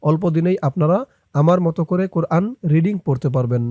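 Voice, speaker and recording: Bangladeshi male Quran teacher, high, unhurried, spells letters then chants each word long, dry close recording. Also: mellow, no room sound. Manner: spells out letters, then recites drawn out and higher. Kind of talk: slow syllable-by-syllable recitation lesson.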